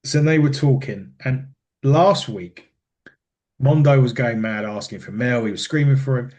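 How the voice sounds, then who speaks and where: A man co-hosting a podcast in casual chat about wrestling, rambling and animated, often laughing and restarting sentences. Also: medium pitch, unhurried. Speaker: podcast co-host.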